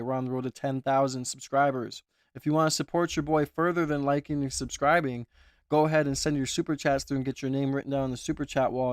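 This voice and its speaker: Nursing a sore throat, a male livestream host chats away with his audience, reading their comments out loud and asking for likes. His mid-range voice comes through clean and echo-free, studio quality.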